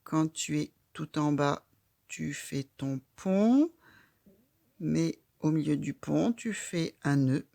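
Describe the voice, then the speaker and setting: Slow, patient woman with a gravelly voice. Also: low voice, no echo, studio quality. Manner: patient, calm, guiding a child stroke by stroke. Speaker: teacher. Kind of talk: slow step-by-step handwriting lesson.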